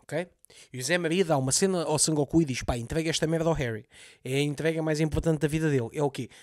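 This man talks quickly in a fairly high voice, with background noise behind him. Speaking with a Lisbon Portuguese accent, he mocks the scenes of a TV series in a sarcastic, swear-filled comedic recap.

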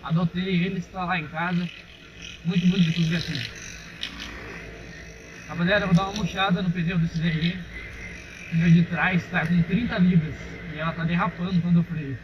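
Talking at a moderate pace with long pauses, a young Brazilian man with a high-pitched voice and fairly even intonation chats to his viewers, calling them "rapaziada". The motovlogger is riding a motorcycle on a dirt road, recorded in Brazilian Portuguese on a muffled helmet-mounted action camera with engine and wind noise.

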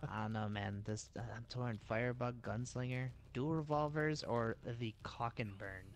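A man's voice: mid-range voice, moderate pace, vocal fry, slight background noise. A man with a nasal voice, tired after a long day, hosting a casual let's-play gaming chat in a laid-back, rambling way.

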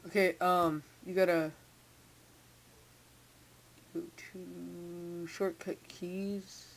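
Speaking very slowly in a gravelly, level, medium-pitched voice, a teenager records an informal unscripted screen tutorial at his computer indoors. His words stumble and repeat, and a mouth sore from tightened braces slightly impedes him. It was captured on a hissy, noisy home mic.

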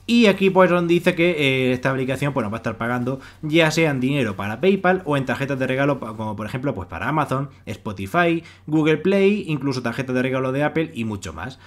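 Fast-talking Spanish man explaining apps. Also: on the high side. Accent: Spain Spanish. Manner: fast, repetitive, filler-heavy explaining. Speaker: online money-making video host. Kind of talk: screen-recorded app walkthrough. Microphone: voice-over over screen recording.

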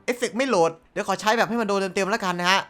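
A man hosting a gaming channel, giving excitable gameplay commentary full of exclamations and casual swearing. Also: sits high, racing, faint music behind.

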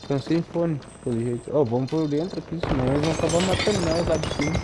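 A Brazilian man talks casually to his squad during a video game. His voice sits a little high. Loud gunfire and clicks from the game run behind him. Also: fast, very noisy. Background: shooter game gunfire, clicks.

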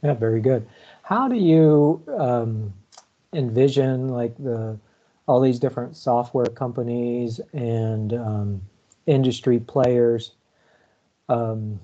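A man moderating on a video call, putting his question together haltingly with many pauses and fillers. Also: medium pitch, mellow. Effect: heard over a video call. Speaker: forum moderator. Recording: muffled video-call audio.

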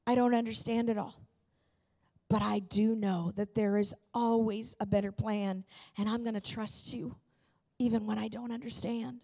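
Her voice sits a little high, mellow and level in tone, at a moderate pace. This middle-aged woman pastor shares personal stories in a sermon from the stage of a large church auditorium, handheld microphone in hand, speaking emphatically and fervently and repeating phrases.

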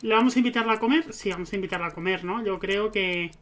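A man's voice: sits high, fast, a bit bright. A man giving casual gameplay commentary, chatting to his game characters. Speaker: let's play gamer.

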